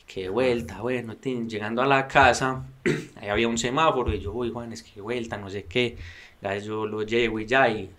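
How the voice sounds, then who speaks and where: Brief: young man, Medellín accent, animated slangy storyteller, mid-pitched voice, casual podcast. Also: moderate pace. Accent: Medellín Colombian Spanish. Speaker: podcast co-host.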